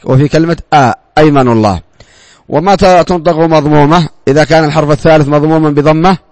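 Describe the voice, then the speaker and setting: A man's voice: fairly high pitch, a little mellow, no echo. A man teaching a class, who asks his students questions, answers them himself and repeats words for emphasis. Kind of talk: classroom grammar lesson.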